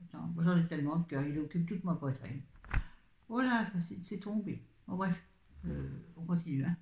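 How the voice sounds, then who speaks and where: A woman's voice: fairly low pitch, moderate pace, creaky, darkish tone. An older woman talks into her phone on a casual live video, reviewing a book. She rambles and drifts off topic easily, then loops back to her point. Her voice bounces around an echoey room. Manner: chatty, rambling, easily sidetracked.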